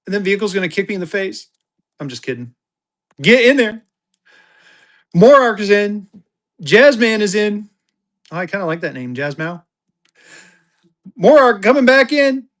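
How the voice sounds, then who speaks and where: A tired man hypes bids in quick bursts at a live streamed banknote auction, speaking about himself in the third person. His high voice is very animated and a bit bright.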